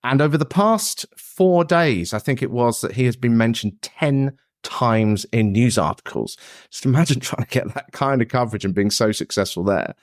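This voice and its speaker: A man's voice: medium pitch, lively intonation, moderate pace, no room sound, studio quality. A man hosting a public relations podcast, moving from a scripted intro into chatty talk with fillers. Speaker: podcast host. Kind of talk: scripted podcast intro then casual chat.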